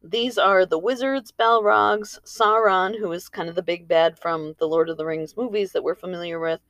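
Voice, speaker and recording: A woman hosts a storytelling podcast from a room at home. Her voice sits slightly low and the sound is dry, with little room echo. She moves between narration and informal, rambling commentary. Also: fairly even intonation, moderate pace, a bit bright. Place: room in a house.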